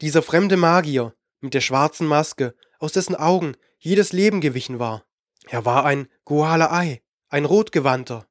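Male audiobook narrator, fairly high voice, dramatic and measured, dry close sound. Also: no room sound. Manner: measured, dramatic, slowing for suspense. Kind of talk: scripted fantasy narration.

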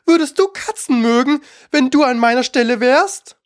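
A man voicing an angry little mouse that hates cats, with a shrill, shrieking voice. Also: animated, moderate pace. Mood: shrill, furious. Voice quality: shrieking, squeaky. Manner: indignant outbursts. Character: shrill, furious little mouse, cat-hating, trembling.

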